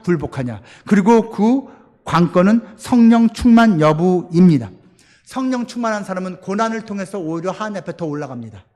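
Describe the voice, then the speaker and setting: A male pastor preaching a sermon in a church, storytelling with animation and acting out voices. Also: high voice. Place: church sanctuary. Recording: long church hall reverb.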